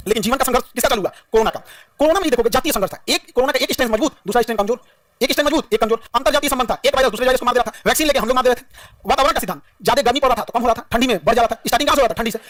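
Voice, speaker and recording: A man's voice: very high-pitched, rapid-fire, fairly bright tone, dry recording. A man teaching a classroom lecture, repeating key terms, asking questions and joking with students. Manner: repetitive, quizzing, humorous. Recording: dry, mic at a distance.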